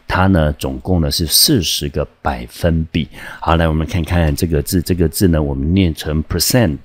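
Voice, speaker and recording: A man teaching a high school English exam lesson, patiently explaining vocabulary and repeating key points for students. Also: breathy edge, no echo.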